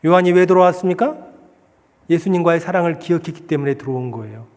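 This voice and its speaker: A male pastor preaching a sermon, asking rhetorical questions and reading scripture slowly and with emphasis. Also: on the high side, expressive, darkish tone. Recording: long hall reverb.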